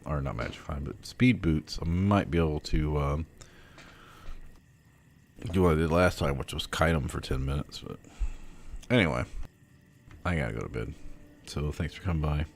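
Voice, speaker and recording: A man with an extremely deep voice talks through his gaming session, drowsy and yawning as he rambles. He thinks aloud with plenty of fillers and casual swearing, over a faint background hiss. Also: normal speed, long pauses. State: sleepy, yawning. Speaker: gaming streamer. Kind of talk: casual gameplay commentary.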